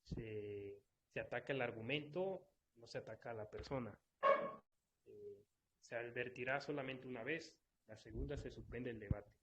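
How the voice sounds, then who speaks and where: A man's voice: mid-range voice, normal speed, heavy background noise. A man moderating a live online debate, formally laying out the rules step by step. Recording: dull lo-fi online audio.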